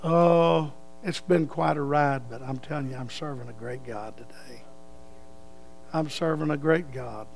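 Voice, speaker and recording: An older man preaching a sermon, telling a folksy story and leading prayer, swinging between loud bursts and hushed lines. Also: mid-range voice, a little slow, soft background music.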